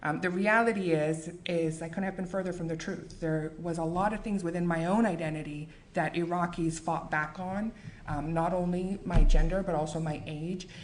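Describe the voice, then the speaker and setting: American woman, author, book talk and reading, measured and earnest, lowish voice, faint noise behind. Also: fairly even intonation. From United States. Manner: measured, earnest, with frequent fillers.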